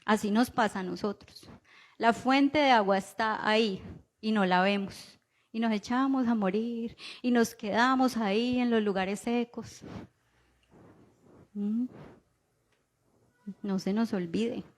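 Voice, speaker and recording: A woman with a Colombian accent preaching a sermon in a conversational way, often checking in with the listeners through quick rhetorical questions. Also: fairly high pitch. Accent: Colombian Spanish. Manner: conversational preaching, frequent rhetorical "¿cierto?" tags.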